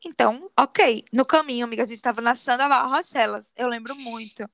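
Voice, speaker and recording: A woman telling a personal story to a friend in a confiding, animated way. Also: fairly high pitch, fairly quick, no room sound, clean studio sound. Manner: animated confiding storyteller, often says "amiga". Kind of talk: casual storytelling chat.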